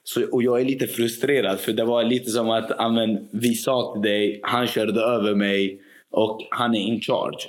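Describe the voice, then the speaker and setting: A man telling a story in casual podcast chat, animated and acting out the dialogue, with frequent fillers. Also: fairly low pitch.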